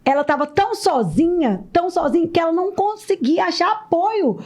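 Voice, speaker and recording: A Brazilian woman, a mother and entrepreneur, who tells personal stories in an animated way in a candid podcast conversation, acting out the dialogue. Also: extremely high pitch, fairly quick. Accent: Brazilian Portuguese.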